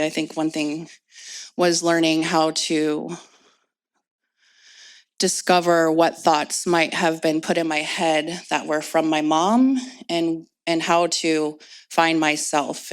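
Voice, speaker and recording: Woman poet at a live reading, low voice, slow and measured delivery. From Indianapolis, United States. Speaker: poet reading her work. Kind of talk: live reading and talk before an audience. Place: event space with an audience.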